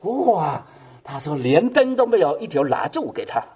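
A man's voice: fairly high pitch, sing-song, normal speed, darkish tone, slightly rough. A man preaching, telling a story dramatically with frequent exclamations. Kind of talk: sermon storytelling.

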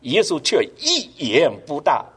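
Male pastor preaching; husky, slightly high voice, lively rises and falls, frequent rhetorical questions. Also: unhurried. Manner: animated preaching, rhetorical questions, voice rising with emphasis. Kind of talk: sermon.

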